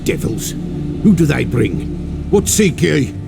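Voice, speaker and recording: A suspicious eccentric hermit in a video game, his voice heavily creaky and slow. He speaks in halting archaic phrases, with clear ambient noise behind. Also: a little high, big pitch swings, exaggerated voice. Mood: wary.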